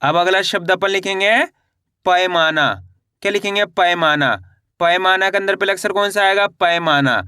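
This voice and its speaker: Guy with a high clear voice drilling hindi letters, asks and answers himself, dry close sound. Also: bright, forceful tone, no echo. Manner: slow, repetitive drilling with quiz questions. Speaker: Hindi teacher. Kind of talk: spelling lesson, sounding out syllables.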